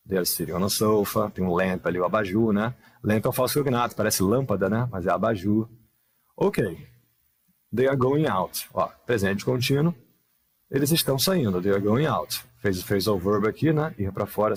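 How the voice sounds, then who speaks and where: A gravelly, husky man with a fairly low pitch teaches English grammar live online. He reads the English examples carefully and slowly, explaining with patience and plenty of rhetorical questions.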